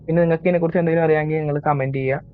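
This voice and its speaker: A young gaming YouTuber with a Malayali accent rattles off casual let's-play commentary on a horror game in a fairly even, rapid-fire voice. He's chatty and pokes fun at himself, admitting he scares easily. The audio is tinny, from a low-quality mic.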